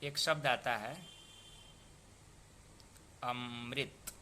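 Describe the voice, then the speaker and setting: Male tutor, young adult, bright cutting tone, patient and methodical, sounds words out slowly. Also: mid-range voice, fairly even intonation, a little hiss or hum. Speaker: poetry meter teacher. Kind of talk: explanatory lesson.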